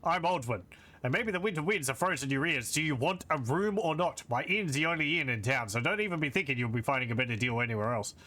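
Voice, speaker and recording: Surly game innkeeper, read by a man: brusque, impatient, suspicious, bright forward voice. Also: fairly high pitch, animated, fast talker.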